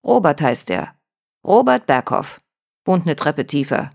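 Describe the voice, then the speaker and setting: A woman's voice: sits low, wildly swooping pitch, a little slow, gravelly, darkish tone, heavily acted. A woman reading as a breezy young daredevil. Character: daring, cheerful young man, dancer.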